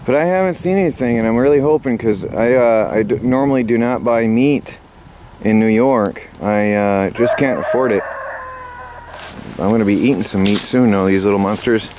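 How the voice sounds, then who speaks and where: A man vlogging on his homestead, a little out of breath and chatting in a halting, rambling way full of fillers. His voice sits at an ordinary pitch, caught on a handheld camera mic outdoors. Faint background noise and the sound of chickens and a rooster come through behind him. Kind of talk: casual vlog chat.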